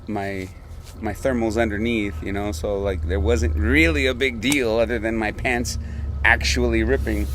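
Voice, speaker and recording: Young adult male host with a lowish voice, relaxed anecdote delivery with lively quoted voices. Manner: animated, laughs often, acts out quotes. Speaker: beer podcast host. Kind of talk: casual storytelling.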